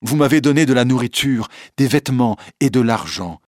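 A man's voice: medium pitch, moderate pace, darkish tone, dry recording, clean studio sound, voice pushed up, natural voice. A man voicing a poor, grateful old woman who speaks eagerly.

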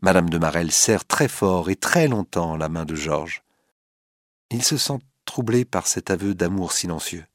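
Man, narrator, storybook reading, animated pitch, dry close recording. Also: moderate pace, dry recording. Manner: expressive, dramatic reading.

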